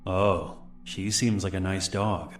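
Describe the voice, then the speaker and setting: A man reading the lines of a young adult male stranger, speaking softly, calmly and with quiet menace. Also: sits low, takes it slowly, reverberant, distant mic, faint music behind.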